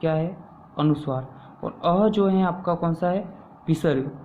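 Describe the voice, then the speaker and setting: A man's voice: high voice, steady tone, measured pace, a little hiss or hum. A man teaching a grammar lesson, asking his listeners questions, answering them himself, and repeating the key terms. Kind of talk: classroom-style grammar lesson. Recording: echoey room over a tinny phone-like line.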